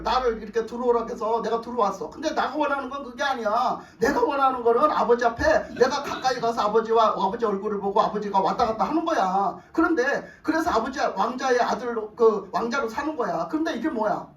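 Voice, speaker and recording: A preacher voicing a sulking, indignant young prince who whines and complains with exasperation. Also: male voice, very high voice, fairly quick, a bit bright, roomy sound, recorded from a distance. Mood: aggrieved.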